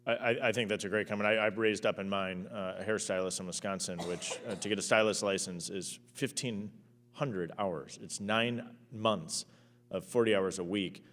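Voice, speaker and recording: A man questioning witnesses at a congressional hearing as ranking member, halting and repeating his first words. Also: on the low side, steady tone, a bit bright, long reverb tail, a little hiss or hum. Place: hearing room.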